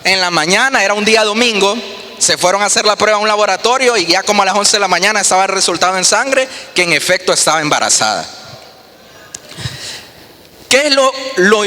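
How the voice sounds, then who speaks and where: A man's voice: high-pitched, pushed and bright. A man telling his personal faith testimony earnestly, often restarting his words. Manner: earnest storytelling with frequent restarts. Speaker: testimony speaker. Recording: reverberant hall.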